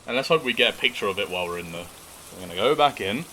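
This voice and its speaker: A man doing live horror game commentary, chatting casually to viewers in an animated, excitable way with jokey asides. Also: lowish voice, quick pace, slight background noise, poor audio. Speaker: game streamer.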